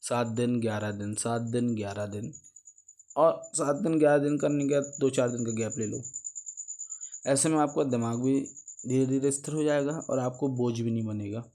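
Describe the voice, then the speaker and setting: A man's voice: medium pitch, steady tone, moderate pace, a little mellow. A man giving a devotional advice talk as a spiritual teacher, explaining patiently and earnestly, repeating phrases and asking himself questions before answering them.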